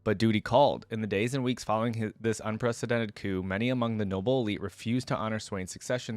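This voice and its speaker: The host of a gaming reaction channel gives casual commentary, reading text aloud and tossing in his own remarks. His voice is lowish, with no echo.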